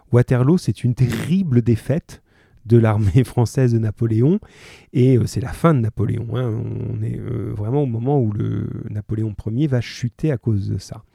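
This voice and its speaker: A man teaches a class over the radio. His voice is very dark and mellow, and the sound is dry and close. He reads aloud in a lively, chatty way and keeps stopping to explain. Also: medium pitch, creaky, no room sound.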